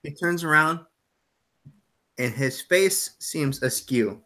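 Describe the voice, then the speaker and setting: A man narrating a tabletop game as game master over a video call. His voice is bright and his pitch moves a lot. He describes scenes in a loose, chatty way with plenty of fillers. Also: lively intonation, takes it slowly, a little hiss or hum.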